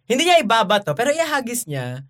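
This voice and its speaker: A man chatting casually on a podcast, telling animated stories about work abroad and quoting people as he goes. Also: very high voice, fast. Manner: animated storytelling, quotes people in put-on voices. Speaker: worker abroad.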